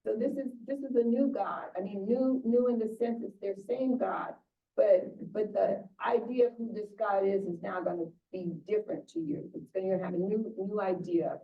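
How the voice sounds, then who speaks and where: A woman's voice: mid-range voice, steady tone, normal speed, gravelly. An older woman pastor giving an informal, conversational sermon, often restarting and repeating words. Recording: distant muffled church recording.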